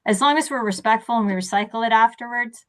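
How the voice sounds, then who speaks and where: A woman speaking as a success coach in an interview, animated and laughing often, acting out the voices she quotes. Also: a little high, fast talker. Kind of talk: interview conversation.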